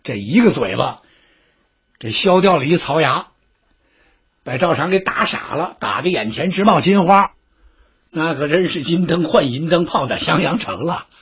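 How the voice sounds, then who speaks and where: A husky-voiced man tells a story in the traditional pingshu style, his pitch leaping up and down. His delivery is theatrical and animated, heard through a dull, lo-fi recording. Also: moderate pace, pauses often.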